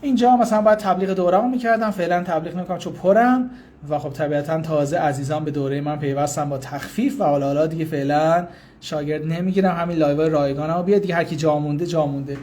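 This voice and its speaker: A man teaching English in a live online lesson. He reads out viewers' names, explains patiently and informally, and repeats English phrases slowly. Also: fairly high pitch, a little mellow.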